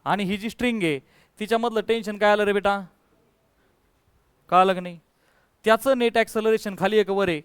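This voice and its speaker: Coaxing physics teacher. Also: male voice, high voice, fairly even intonation, brisk, pauses often, clear, resonant tone, no room sound, studio quality. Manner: coaxing, calls students to answer louder. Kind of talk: classroom lecture. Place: classroom.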